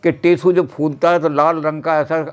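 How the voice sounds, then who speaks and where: An older man who sings slow folk verses and then explains them in quick talk, as the guest on a chat show. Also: a little high, flat delivery, clear, resonant tone. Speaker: guest folk music expert. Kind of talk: explaining and singing folk songs.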